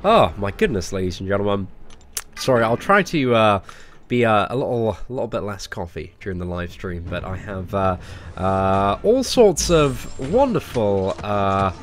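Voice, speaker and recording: A young English man streams a mobile game, chatting casually with viewers and greeting them by name while he plays, with lots of fillers. His voice is on the low side and sing-song at a normal speed, a bit nasal from a cold.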